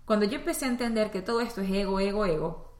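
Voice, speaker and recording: A woman's voice: mid-range voice, lively intonation, quick pace, a little mellow. A woman from Venezuela with a Venezuelan accent, giving a spiritual self-help talk and speaking straight to the listener in a conversational way. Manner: conversational, addresses listener directly. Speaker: spiritual teacher and astrologer. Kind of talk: spoken self-help monologue. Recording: echoey room.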